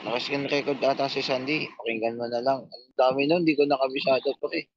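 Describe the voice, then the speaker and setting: A man's voice: medium pitch, steady tone, fairly quick, highs cut off. A man telling a long, rambling, profane story in a casual chat, quoting himself and others.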